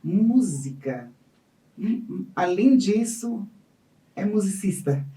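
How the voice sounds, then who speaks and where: A woman's voice: medium pitch, lively intonation, takes it slowly, mellow. A woman, hosting a radio interview and chiming in with short affirming interjections. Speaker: radio show host. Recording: distant mic in a radio studio.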